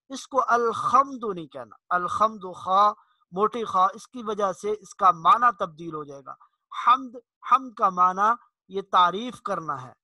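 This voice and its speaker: A middle-aged man teaching Quran recitation, explaining rules in a plain lesson voice and chanting verses slowly. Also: sits high, sharp tone, no room sound.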